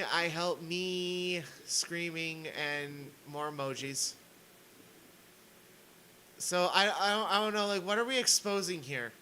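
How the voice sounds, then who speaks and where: Male streamer, sarcastic rant, high-ish piercing bright voice, faint hum behind. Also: rough recording. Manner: sarcastic, mocking, reads posts aloud. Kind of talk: ranting commentary stream.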